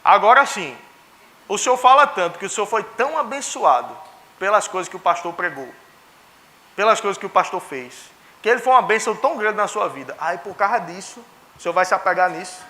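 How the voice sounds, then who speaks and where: Bright high-voiced pastor. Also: male voice, animated, a little fast. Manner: storytelling, acting out dialogue with family. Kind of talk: sermon. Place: church.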